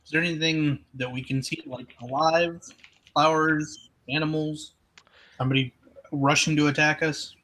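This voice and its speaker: A man's voice: on the high side, fairly even intonation, moderate pace, sharp tone. A man playing a tabletop game, thinking aloud hesitantly as he asks the game master questions. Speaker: player.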